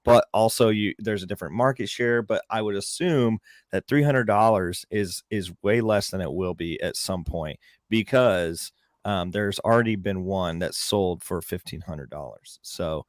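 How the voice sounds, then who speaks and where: A man's voice: fairly low pitch, normal speed, no echo, clean studio sound. A man on a podcast panel explaining his thinking casually, in a rambling, colloquial way.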